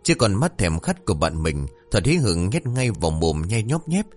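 A man's voice: on the low side, very animated, normal speed, darkish tone, soft background music. A man narrating a comic village folk tale in a vivid, dramatic way. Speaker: storyteller.

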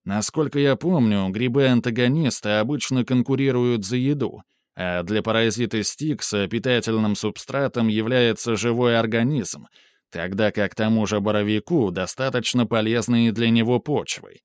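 A man's voice: medium pitch, normal speed, clean tone, no room sound, lightly acted. A man reading an audiobook, voicing a grumbling, mocking male raider who reasons things through aloud. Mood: musing. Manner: dry, reasoning, teasing.

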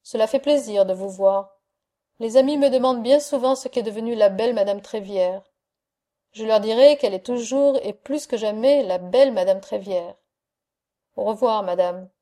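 Femme lisant un homme barbu chaleureux. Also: female voice, fairly high pitch, normal speed, lightly acted. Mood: warm. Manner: warm, sociable. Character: bearded man, friend of painters, warm.

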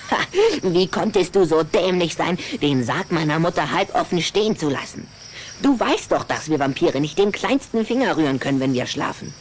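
Radio play role: young vampire boy played by a performer, haughty and reproachful, very animated, slight noise behind. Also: mid-range voice, moderate pace, close to an everyday voice. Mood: scolding. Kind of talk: German radio play dialogue. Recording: faint background noise.

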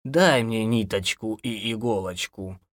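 A man doing a slow wheedling undead ghoul. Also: lowish voice, no echo, studio quality, lightly acted. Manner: slow, wheedling, falsely gentle. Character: undead male ghoul, old, coaxing and creepy. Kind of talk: audiobook character voice.

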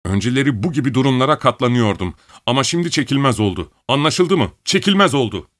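A man's voice: lively intonation, fast talker, fairly bright tone, no room sound, lightly acted. A man voicing an indignant young university student arguing with his father. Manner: shrill, indignant.

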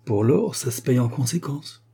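A man reading an audiobook and voicing a hoarse, cynical male street thug who talks slangy and boastful. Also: medium pitch, lively intonation, normal speed, dark tone, pitched above the performer's own voice. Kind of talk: audiobook character voice.

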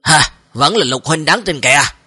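A man playing a prim, timid young scholar in an audio story, stammering and hesitant. The voice is bright with a touch of huskiness. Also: a little high, lively intonation, normal speed, husky, full character voice. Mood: relieved.

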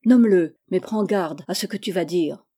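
A woman's voice: on the low side, moderate pace, dark tone, breathy edge. A woman reading the part of a proud, hot-tempered young male warrior in a novel, with indignant exclamations. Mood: furious.

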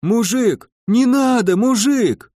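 A man voicing a panicky, rowdy male undead mob leader who yells in a shrill voice. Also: big pitch swings, slow, dry recording, clean studio sound, full character voice. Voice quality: shrill, yelling.

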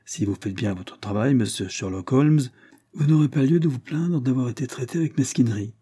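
A man's voice: medium pitch, brisk, warm tone, slightly rough, dry recording, clean studio sound, voice pushed up, natural voice. A man voicing a proud, stern aging aristocrat who speaks in a stately, impatient way in an audiobook reading.

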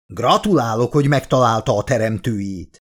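A man's voice: expressive, natural voice. A man voicing an angry, jittery male geologist, ranting in a raised, strained voice. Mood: sarcastic. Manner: agitated ranting, higher strained voice. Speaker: audiobook narrator voicing a character.

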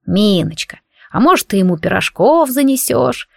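A woman's voice: mid-range voice, lively intonation, normal speed, creaky, no echo, clean studio sound. A woman voicing a kindly old uncle in an audiobook, coaxing and folksy. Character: kindly old uncle, homely and soft-hearted.

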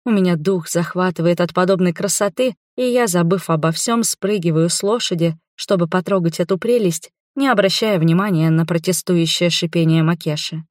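A woman's voice: fairly low pitch, moderate pace, hardly any pauses, a little mellow, no room sound, studio quality. A woman reading a first-person novel aloud, narrating and voicing the characters in dialogue. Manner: voices several characters in dialogue. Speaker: audiobook narrator.

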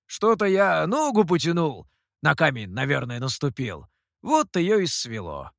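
A hot-headed monkey lord, put on by an audiobook reader insists and boasts in a loud, pompous voice. The pitch swings widely. The recording is close and dry. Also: male voice, big pitch swings, a little slow, creaky, dry recording, heavily acted. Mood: insistent.

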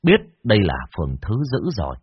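A man narrates a horror tale in a low, husky voice that rises and falls with lively expression. The recording is dry and dull, a bit lo-fi. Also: brisk, no room sound. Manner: vivid, expressive storytelling. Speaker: storyteller.

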